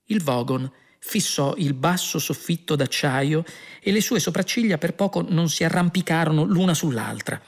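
A man reading a comic science-fiction novel aloud as a steady storybook narration. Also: a little high, normal speed, creaky, slightly rough. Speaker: audiobook reader.

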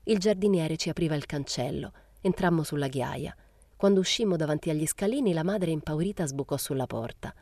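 A woman reading a literary novel aloud as audiobook narration, in a measured, understated first-person style. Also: deep voice, dark tone, no echo. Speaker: audiobook reader.

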